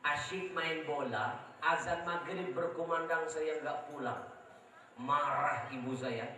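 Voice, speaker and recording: A male preacher gives a lively, joking sermon and keeps asking the crowd to agree with him. His voice is fairly high. It booms through a heavily echoing sound system, heard from some distance with noise clearly audible behind it. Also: slow pace. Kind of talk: sermon at a religious gathering. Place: large outdoor religious gathering.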